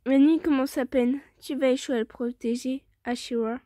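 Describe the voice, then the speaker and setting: A woman's voice: sits high, steady tone, moderate pace, mellow, no echo, clean studio sound, close to an everyday voice. A woman voicing a cold, arrogant male demon king, taunting, in a fan story read aloud.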